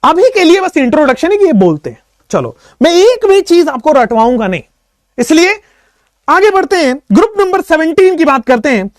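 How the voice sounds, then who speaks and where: A man's voice: extremely high pitch, moderate pace, no room sound, studio quality. A man teaching chemistry in a casual online lecture, playful and teasing, mixing in English phrases and chanting memory tricks in a sing-song way. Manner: lively, sing-song when reciting mnemonics.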